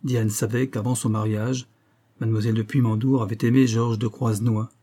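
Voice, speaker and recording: Husky-voiced male audiobook narrator. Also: medium pitch, little pitch movement, mellow. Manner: measured, dramatic storytelling. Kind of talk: audiobook reading of a novel.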